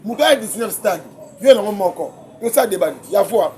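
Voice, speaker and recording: A man, debating music as a guest commentator, excitable and quick to laugh, often repeating his words. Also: sits high, a little hiss or hum. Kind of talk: heated casual debate.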